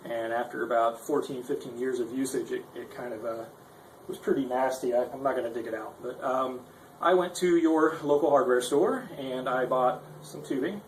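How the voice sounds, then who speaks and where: With a medium pitch and moderate pace, this man rambles through a casual, unscripted gear demonstration for his guitar tutorial, poking fun at himself as he goes. The room is echoey, with a little faint noise.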